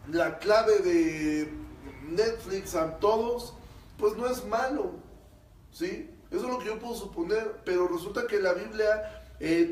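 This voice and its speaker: A Mexican pastor with a high voice leads a Bible class, explaining step by step and checking in with his class. He is heard from a distance in a reverberant room, with faint noise underneath. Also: a little mellow. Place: church meeting room. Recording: echoey room, voice from far off.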